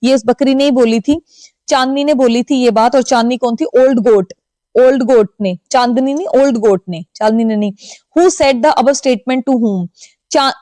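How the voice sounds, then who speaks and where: A woman teacher, reading English exam questions slowly and then explaining them quickly in Hindi. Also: a little high, warm tone, no room sound. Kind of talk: exam-prep lesson.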